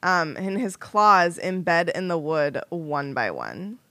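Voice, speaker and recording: A woman's voice: lowish voice, sing-song, slow, a bit bright, dry recording. A woman co-hosting a casual book-club podcast, recapping the chapter with hesitant fillers. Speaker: podcast co-host.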